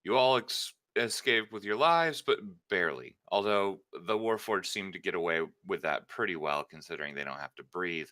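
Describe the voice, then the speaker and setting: A man's voice: sits low, normal speed, few pauses, sharp tone, dry recording, studio quality. A man acting as game master, narrating and running a tabletop game.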